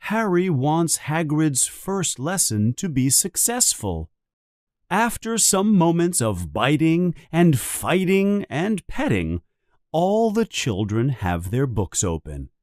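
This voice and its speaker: A man narrating a simple storybook for learners in a very slow, expressive reading. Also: a little high, no room sound, studio quality.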